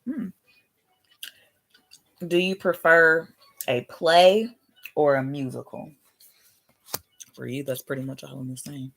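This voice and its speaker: A woman's voice: low voice, steady tone, takes it slowly, vocal fry, pauses often, slight background noise, rough recording. A woman in her thirties chatting casually as host of a family card game, rambling and thinking aloud in slangy speech. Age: 30s. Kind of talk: casual chat.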